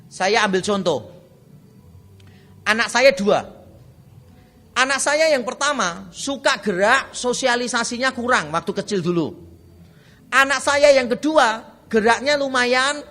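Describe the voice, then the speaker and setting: A pastor giving a parenting seminar, speaking with a light tinge in a chatty, humorous way and often addressing the audience directly. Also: male voice, very high voice, bright, forceful tone.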